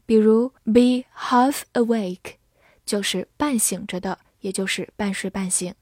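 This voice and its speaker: A woman teaching English vocabulary, spelling words letter by letter and reading example sentences slowly and carefully for learners. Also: mid-range voice, darkish tone, dry recording, clean studio sound.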